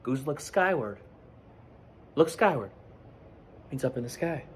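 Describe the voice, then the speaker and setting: In a school classroom, a teacher in his forties with an American accent reads a picture book aloud expressively, adding explanatory asides. His medium-pitched voice is lively and unhurried, recorded by a camera or phone a short distance away, with slight background noise.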